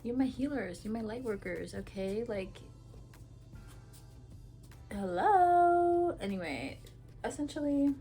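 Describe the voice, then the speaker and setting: A woman's voice: fairly high pitch, expressive, slow, long pauses, dark tone, husky, soft background music. A woman from Ethiopia giving a casual tarot reading to camera, talking frankly in a chatty way with many fillers. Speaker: tarot reader.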